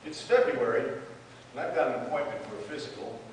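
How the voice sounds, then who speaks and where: A man's voice: fairly high pitch, brisk, natural voice. A man playing a bemused patient on stage. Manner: dry, bemused storytelling. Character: man waiting at a doctor's, bemused storyteller. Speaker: stage actor in a monologue. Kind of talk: theatrical monologue. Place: stage in a hall. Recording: echoey hall, far from mic, faint noise.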